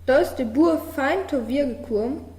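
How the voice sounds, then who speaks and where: A woman reading a fairy tale aloud in a slow, measured storytelling manner. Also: high voice, mellow. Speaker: reader. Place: studio of a media centre. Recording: roomy hall reverb.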